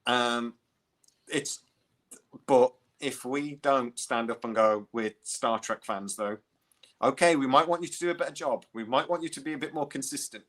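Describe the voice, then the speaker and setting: A British man hosts a podcast in an animated, chatty way, his voice going hoarse after a long talk. His tone is bright and forceful, with a firm edge. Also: mid-range voice, normal speed. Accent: British English. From United Kingdom. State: hoarse from talking. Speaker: podcast host. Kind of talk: casual chat.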